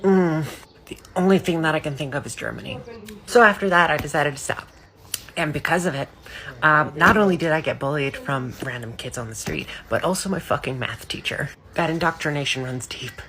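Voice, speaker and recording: A woman's voice: low-pitched, a little fast, fairly bright tone. A woman from Iceland telling a blunt, sweary, sarcastic story about school. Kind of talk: casual storytelling clip.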